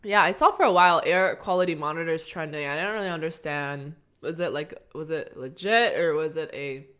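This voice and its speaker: A woman's voice: sits low, a little fast, a bit bright, clear, resonant tone. A young woman chatting casually on a live stream, meandering and talking to herself while she eats breakfast at her desk.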